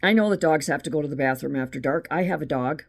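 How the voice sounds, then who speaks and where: This channel host is a middle-aged American woman with a low, creaky voice that moves fast. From the United States, she talks in a casual, opinionated, chatty monologue, often starting her thoughts over.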